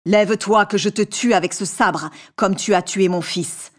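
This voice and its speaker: A woman's voice: medium pitch, normal speed, natural voice. A woman voicing a merciless ancient genie. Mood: stern. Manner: stern, relentless.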